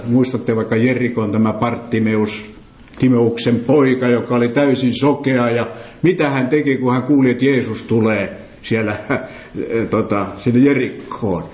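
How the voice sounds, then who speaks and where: A man preaches to a gathering in a roomy, echoing hall, pressing his points with emphasis. He keeps turning questions back to the listeners as he teaches. His voice sits at an ordinary middle pitch. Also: darkish tone. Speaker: preacher leading a Bible study. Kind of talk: interactive sermon. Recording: roomy echo.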